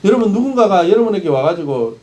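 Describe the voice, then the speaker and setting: Animated high-voiced male pastor preaching. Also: fast. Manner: animated, rhetorical questions to the congregation. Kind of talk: sermon.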